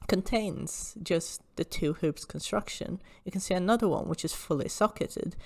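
Female presenter, slightly low voice, informal history explainer, measured and precise delivery. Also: creaky.

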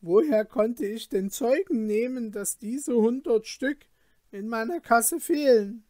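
A cringing merchant caught in his own lie, squealing high and slow, pleading at a dry close mic, as a male storyteller puts him on. His words stay shaken and desperate throughout. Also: dark tone, no room sound. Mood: defensive. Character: frightened lying male merchant.

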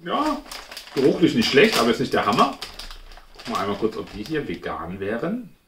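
Animated man reviewing snacks, echoey room. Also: mid-range voice, a little fast. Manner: informal, thinking aloud while tasting. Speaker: food review host. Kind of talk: casual chat, snack taste-test review. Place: indoors at home, in front of a glass cabinet. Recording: roomy echo, clear background noise.

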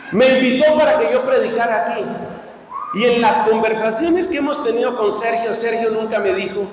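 A man preaching a sermon as a priest, swinging from hushed pleading to fervent shouting. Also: very high-pitched, brisk, slight background noise. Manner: impassioned, swings from soft to shouting. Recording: echoey hall, distant mic, dull sound.

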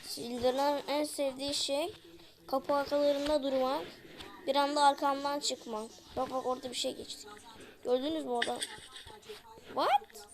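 A woman's voice: high voice, little pitch movement, normal speed, crowd noise. A woman hosting a horror game let's play, talking to her viewers and crying out whenever the game startles her. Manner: jumpy, cries out when startled, keeps addressing viewers. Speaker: gaming channel host.

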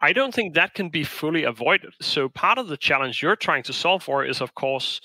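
A man from Denmark talks through ideas as a podcast guest, thoughtful and explanatory, often restarting a phrase. His voice is very bright and forward. The sound is dry and close, with no room around it. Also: fairly high pitch, expressive, normal speed, no room sound, rough recording. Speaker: guest, management consultant. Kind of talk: podcast interview answers.

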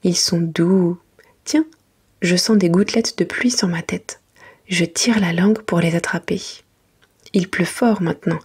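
Woman doing whispered asmr kids story, super breathy, lowish voice, gentle careful reading. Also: unhurried. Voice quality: breathy, mostly whispered soft voice. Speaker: narrator reading a children's picture book.

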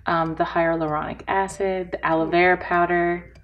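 A woman's voice: lowish voice, flat delivery, moderate pace, lo-fi sound, a little hiss or hum. A woman chatting casually as she explains her skincare products, speaking with a brush held near her lips. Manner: chatty and explanatory, listing ingredients with fillers. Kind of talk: casual product demonstration chat. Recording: clear background music under the voice.

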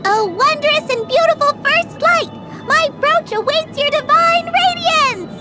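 Airy, a squeaky, bossy fairy. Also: female voice, measured pace, over music. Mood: reverent. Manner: excitable, commanding. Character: tiny, zealous, bossy female fairy. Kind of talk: video game voice acting.

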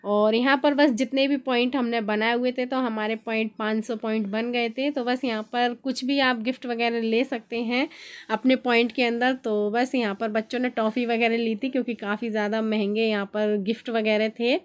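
A woman in her thirties talks through her family vlog in a chatty voice-over. Her voice sits a little high but stays quite flat in pitch, and she gushes warmly over everything she shows. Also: normal speed, clean tone. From India. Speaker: family vlogger.

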